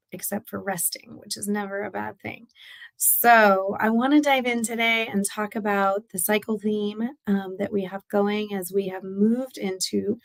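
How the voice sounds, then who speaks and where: Raspy-voiced woman in casual talk. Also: mid-range voice. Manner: upbeat, chatty, with fillers and restarts. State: raspy voice from laryngitis. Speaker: astrology business coach. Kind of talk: casual solo talk to camera.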